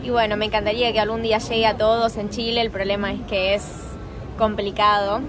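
This is a low-quality recording of a twentysomething woman with an Argentine accent, vlogging to a phone at arm's length. Her pitch is medium and her tone level, yet her chat is gushing and effusive, delivered fairly quickly.

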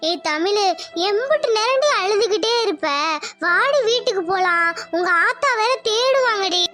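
A woman voicing a bold, protective young village woman in a cartoon, in bossy, reassuring rustic speech, with a pitched-up voice. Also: lively intonation, normal speed, over music.

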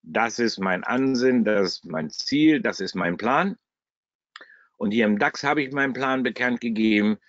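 Speaking a little slowly in a medium-pitched, fairly bright voice, a man with a German regional dialect walks viewers through his shared screen during a live trading webinar. He's at a computer and keeps things blunt, chatty and salty in humor. The webinar audio is dry and slightly dull.

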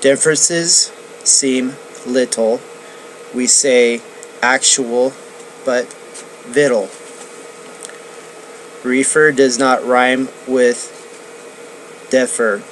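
A student performer recites a pronunciation drill very slowly, giving every word crisp, deliberate care. The delivery is measured and exact. A faint hum of air conditioning sits behind the voice. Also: mid-range voice, fairly even intonation, poor audio. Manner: slow, deliberate, crisp diction. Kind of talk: pronunciation drill and narrative reading.

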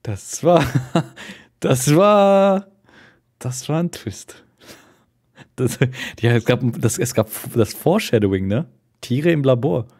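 A man's voice: medium pitch, expressive, measured pace, warm tone, slightly rough. A man streaming, reacting to an audiobook with casual, mocking, joking asides.

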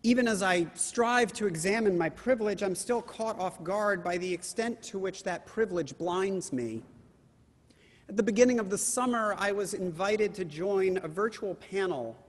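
A man, a rabbi, delivering a sermon with measured, emphatic phrasing. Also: high-pitched, big-room sound.

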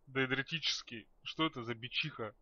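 A man's voice: mid-range voice, moderate pace, bright, forceful tone, dull audio, slight background noise. A man giving casual, comedic gameplay commentary, exclamatory and slangy with mock outrage. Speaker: gamer, let's play host.

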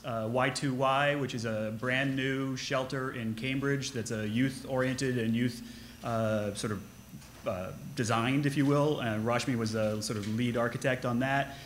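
A man in his forties, an architect co-presenting on a panel, talking casually with many halting fillers. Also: mid-range voice, steady tone, a little hiss or hum. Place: large conference hall. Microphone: podium microphone.

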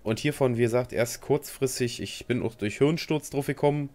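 A man's voice: mid-range voice, moderate pace, darkish tone. A young man giving casual, rambling commentary as he plays a game, slangy and talking to himself. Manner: rambling and slangy, talks to himself while playing. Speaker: gaming video host. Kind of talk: casual let's play commentary.

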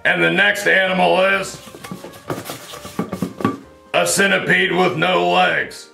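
An inept party clown puppet, halting and earnest. The voice is high, slow and very croaky, presenting each trick simply in a comedy sketch. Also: male voice, little pitch movement, pushed and bright, faint music behind, heavily acted. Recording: roomy echo.

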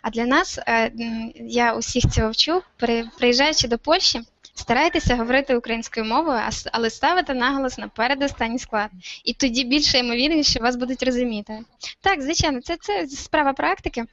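Brief: woman from Ukraine, fairly high voice, halting with fillers, muffled lo-fi recording. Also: a bit bright, no room sound. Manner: hesitant, many fillers and restarts. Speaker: interview guest. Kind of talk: casual explaining talk. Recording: dull, lo-fi, dry sound.

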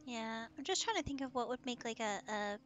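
A woman streaming a video game, chatting casually and playfully with a co-host, with excited gasps. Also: on the high side, brisk. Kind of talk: casual gaming stream chat.

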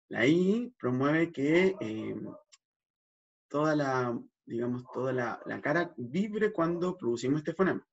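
Guy teaching speech therapy stuff, bit high and gravelly, dull lo-fi sound, super clear articulation. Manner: hyperarticulated, frequent "¿ya?" checks, demonstrates vowel sounds expressively. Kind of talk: educational explanation. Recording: dull lo-fi recording.

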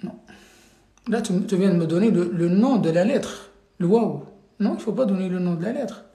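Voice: medium pitch, moderate pace, gravelly, mellow, echoey room. A teacher running a live reading class, calling on students and correcting them patiently, drilling syllables over and over.

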